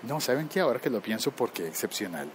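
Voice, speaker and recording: A man's voice: medium pitch, big pitch swings, quick pace, noisy background. A man hosting a live tech podcast, chatting loosely, drifting off topic and correcting himself as he goes. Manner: rambling, easily sidetracked, frequent self-corrections. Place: recording room at work.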